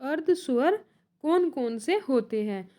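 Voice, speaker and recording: A woman's voice: high voice, animated, warm tone. A young woman teaching an exam-prep grammar lesson, who asks a question and then answers it herself. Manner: slow, repeats points as questions and answers.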